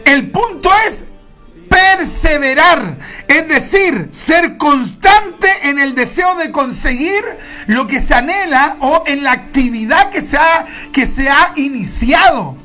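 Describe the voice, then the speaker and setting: A woman preaching a sermon, emphatic and repetitive, stretching key words and now and then bursting into shouts. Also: high voice, animated, takes it slowly, faint music behind.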